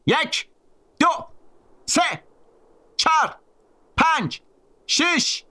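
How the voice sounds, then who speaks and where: Shrill, menacing teen bully. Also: male voice, expressive, full character voice. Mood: shouting. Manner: menacing, taunting, yelling. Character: cruel shouting teenage boy bully.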